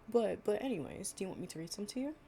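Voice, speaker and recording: Here the same kind of roleplay plays out: a young woman, improvising as an affectionate and chatty girlfriend, reads fables to her partner in playful, slangy, casual speech. Her medium-pitched voice is mellow and close to how she'd normally sound, with a little hiss or hum in the audio.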